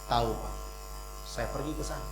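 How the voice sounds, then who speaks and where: A male pastor, preaching a sermon as a story, going from quiet to loud. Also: medium pitch, moderate pace, over music. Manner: storytelling, swings from soft to shouting. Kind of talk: sermon with acted anecdotes. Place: church hall. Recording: echoey hall with mains hum.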